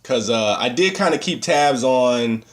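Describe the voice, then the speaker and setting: A man chatting casually on his vlog, slightly winded, rambling and then breaking into animated rants. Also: medium pitch, measured pace. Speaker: vlogger.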